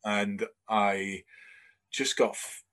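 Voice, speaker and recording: A Scottish man in his forties, his accent tinged with some English, rambles chattily through his life story as a guest on a podcast. His voice sits on the low side with little pitch movement, and he talks very slowly in a fairly bright tone. It's a casual interview conversation.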